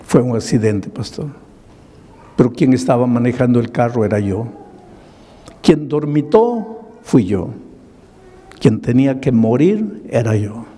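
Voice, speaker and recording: A man's voice: medium pitch, animated, a little slow, long pauses, dark tone, slightly rough, long reverb tail. A man voicing a grieving homeless drunkard who confesses his past in a pleading voice. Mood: sorrowful. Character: grieving homeless adult male drunkard, remorseful.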